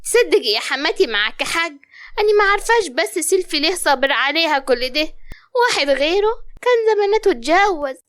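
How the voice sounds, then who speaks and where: An actress playing a mocking, spiteful young sister-in-law with an Upper Egyptian accent, speaking sarcastically. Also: female voice, extremely high pitch, animated, fast, a bit bright, no room sound. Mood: sneering. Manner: sneering, sarcastic.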